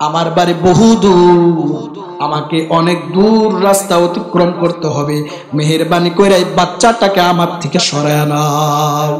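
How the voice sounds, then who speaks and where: A man's voice: fairly high pitch, unhurried, voice pushed down, close to an everyday voice. A man preaching a sermon voices a desperate woman traveler who pleads and denies her child. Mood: pleading. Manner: pleading, repeated appeals. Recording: echoey hall with music behind.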